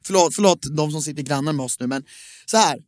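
A young man co-hosting a casual podcast chat, telling an animated rant of a story. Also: fairly high pitch, dry recording, studio quality. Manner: animated storytelling with rants and acted quotes. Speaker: podcast co-host. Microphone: studio microphone.

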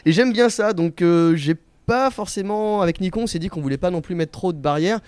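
Male podcast guest, animated and hesitant storyteller; dry, close recording. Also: high-pitched, brisk, smooth, dry recording. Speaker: guest, comedy night organizer. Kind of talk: casual interview chat.

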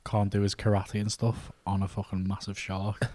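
Low-voiced British man chatting bluntly, very dry sound. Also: level tone, normal speed, a little mellow, no echo. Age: middle-aged. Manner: blunt, sweary banter. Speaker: podcast co-host. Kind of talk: casual film review chat.

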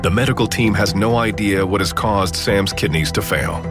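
A man giving grave, measured scripted narration for a medical documentary. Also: fairly low pitch. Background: music.

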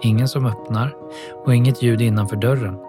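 A man reading an audiobook novel aloud in a steady scripted narration. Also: medium pitch, music in the background.

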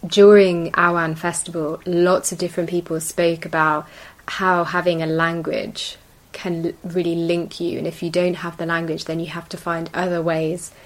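A woman's voice: lowish voice, little pitch movement, normal speed, hardly any pauses. A woman co-hosting a conversational radio discussion show.

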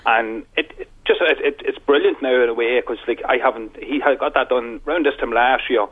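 A man from talks casually and haltingly on a radio phone-in. His mid-pitched voice comes through a dull telephone line. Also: breathy edge. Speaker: phone-in guest.

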